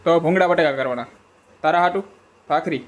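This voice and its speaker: A man's voice: fairly high pitch, fairly quick, poor audio. A young man, chatting casually and teasing his family in a home vlog. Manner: playful, teasing banter. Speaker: family vlogger.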